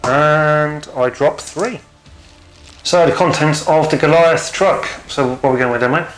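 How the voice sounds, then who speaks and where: A man's voice: a little high, a little slow, faint music behind, low-quality recording. A man with a broad New Zealand accent chatting casually and chummily as he commentates a tabletop wargame as a player. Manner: chummy, matey banter.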